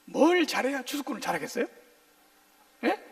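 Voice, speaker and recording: A male pastor preaching a sermon in a lively, joking way, firing questions at his congregation for call-and-response. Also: very high-pitched, normal speed, vocal fry, recorded from a distance. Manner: jokey, playful asides.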